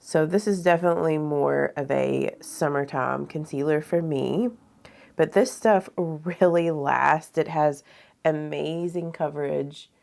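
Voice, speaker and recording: A low, gravelly, somewhat mellow voice, a little slow, belongs to a beauty vlogger chatting through her makeup. She sounds slightly stuffed up and nasal and uses a lot of filler words in this casual get-ready-with-me talk.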